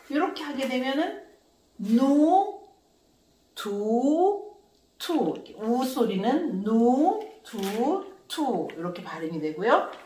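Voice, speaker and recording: Slow, lively-voiced woman teaching phonics. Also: fairly high pitch, roomy sound. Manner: drawn-out, carefully sounded syllables with a lively sing-song lilt. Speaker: Korean language teacher. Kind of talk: slow, clear children's phonics lesson.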